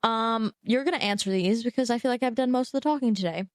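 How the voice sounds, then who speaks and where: A woman's voice: fairly high pitch, fast talker, no echo, clean studio sound. A woman in her twenties co-hosting a podcast, telling stories in casual chat and laughing often. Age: 20s. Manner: animated storyteller, laughs often. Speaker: podcast co-host.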